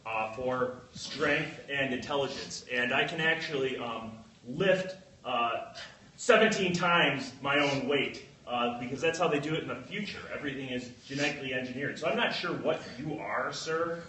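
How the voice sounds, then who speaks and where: A man's voice: mid-range voice, moderate pace, sharp tone, far from the mic, a little hiss or hum, lightly acted. A man playing an earnest time-travelling captain from the future, hesitant and full of fillers. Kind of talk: improv comedy game. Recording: roomy echo, from off-mic.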